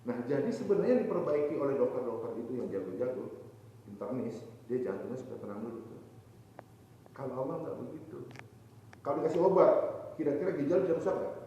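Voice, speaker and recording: A man preaching at a boarding school, lively, asking his listeners questions and answering them himself. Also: mid-range voice, brisk, a little hiss or hum. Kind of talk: evening religious talk to students. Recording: distant, echoey hall, dull lo-fi sound.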